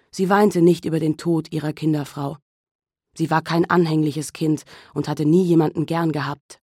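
A woman narrating a novel as an audiobook in a calm, measured storytelling manner. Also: low-pitched, husky, no room sound, clean studio sound. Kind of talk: scripted narration.

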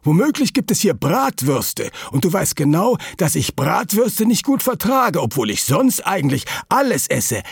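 A man voicing a blunt, pushy blind hen who talks loudly and indignantly and will not be stopped. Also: sits high, sing-song, moderate pace, vocal fry, hardly any pauses, breathy edge, no echo, clean studio sound, pitched above the performer's own voice, heavily acted. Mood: grumbling. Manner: loud, indignant, unstoppable.

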